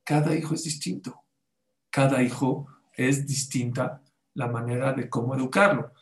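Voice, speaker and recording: A man's voice: mid-range voice, normal speed, reverberant. A man giving a sermon-style talk as a religious teacher, putting rhetorical questions to his audience and quoting Hebrew sources.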